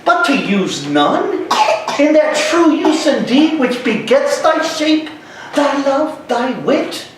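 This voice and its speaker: A man's voice: very high-pitched, very animated, pitched above the performer's own voice, exaggerated voice. Echoey, stern Shakespearean friar, acted by a man. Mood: stern, exasperated. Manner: theatrical, emphatic, slow deliberate phrasing. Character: stern exasperated male friar scolding a despairing young man. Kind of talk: stage Shakespeare monologue, declamatory. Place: large hall, live stage. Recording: echoey hall, distant mic, faint noise.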